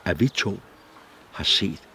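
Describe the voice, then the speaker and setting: A man's voice: bright, forceful tone, a little hiss or hum. A man voicing a fervent blind old beggar. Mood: warm. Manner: fervent, pleading. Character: blind old male beggar, eager and devout.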